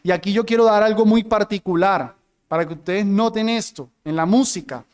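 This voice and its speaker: Male pastor, high voice, sermon teaching, talks to the congregation, acts out tones of voice. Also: normal speed, clear, resonant tone. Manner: demonstrates voice inflections, talks with the congregation.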